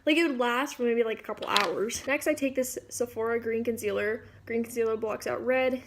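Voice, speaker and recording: High-voiced woman chatting through a makeup tutorial. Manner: informal, rambling, self-interrupting asides. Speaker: beauty vlogger.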